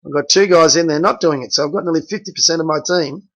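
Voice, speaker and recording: A man's voice: on the high side, quick pace, a bit bright, low-quality recording. A middle-aged man, a basketball coach reviewing game film and bluntly correcting his players by name.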